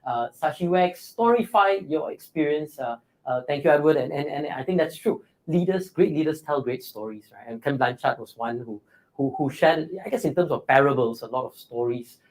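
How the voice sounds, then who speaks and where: A man's voice: a little high, expressive, normal speed, darkish tone, poor audio. Male host of a live interview, encouraging, reading out comments, lots of uh and you know. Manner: encouraging, affirming, many fillers.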